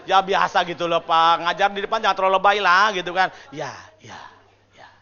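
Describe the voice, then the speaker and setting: A man preaching a sermon to his church in a casual, lively way, acting out the congregation's responses and joking with them. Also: high voice, quick pace, dull audio. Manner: lively, acts out congregation responses and mimics whispered prayers. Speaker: pastor. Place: church service.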